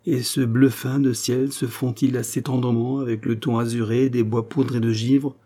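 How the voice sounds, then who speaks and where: A man voicing a lively, carefree young poet who talks with enthusiasm. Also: medium pitch, normal speed, lightly acted. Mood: enthusiastic. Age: young adult. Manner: enthusiastic, raised voice.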